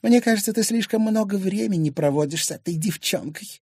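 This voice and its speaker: A man reading an audiobook, voicing a jealous, sarcastic rich wife in a high, shrill, accusing voice. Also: brisk, a little mellow, no echo, studio quality, lightly acted. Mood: indignant.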